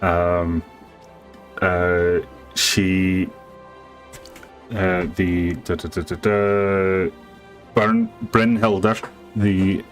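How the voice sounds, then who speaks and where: Low, slow-talking male game master. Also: expressive, faint music behind. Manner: halting, improvising. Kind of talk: narrating a live tabletop fantasy game.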